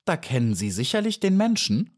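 A man's voice: fairly high pitch, very animated, brisk, pitched above the performer's own voice. A man doing a polite, shy little honeybee. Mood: polite, eager. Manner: polite and earnest.

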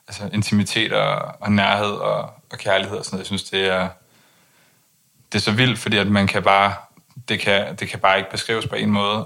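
Young man, very flat monotone delivery, gravelly fry, hesitant restarts, candid conversation. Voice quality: monotone, low-key delivery. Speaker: interview guest.

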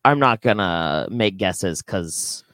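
A young man co-hosting a casual comedy podcast, talking in an animated, jokey way with many halting restarts. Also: deep voice, no room sound. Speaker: podcast co-host.

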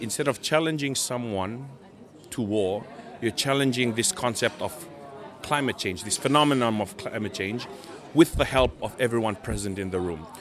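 A man from Fiji, giving earnest interview answers and pausing to search for words. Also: on the low side, fairly bright tone. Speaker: Pacific island campaigner interviewed at a meeting.

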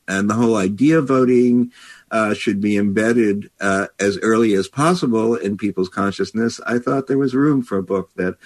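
Hosting a book talk as an editor, a man speaks in a measured, articulate, slightly hesitant conversational style. His voice is mid-range, and the recording is dry.

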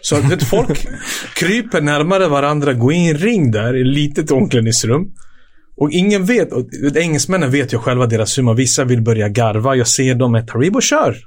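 A middle-aged man, a former footballer, telling casual stories as a podcast guest, acting out quotes and laughing often. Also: medium pitch. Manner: lively storyteller, acts out quotes, laughs often. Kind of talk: casual anecdotal storytelling.

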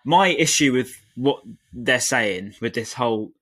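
A man's voice: medium pitch, animated, a little slow, fairly bright tone, breathy edge. Ranting young Englishman on a podcast. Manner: frustrated, ranting. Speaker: podcast co-host. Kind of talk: casual chat.

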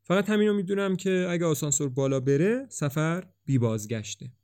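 A man voicing a calm, mysterious doctor who sees people off, speaking gently and thoughtfully in an audiobook. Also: fairly high pitch, dry recording, clean studio sound, pitched above the performer's own voice, natural voice. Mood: calm, reflective. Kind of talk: audiobook dialogue reading.

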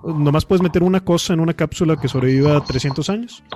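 A man's voice: on the high side, fast. A man, a podcast guest and author, talking casually with slang and many fillers.

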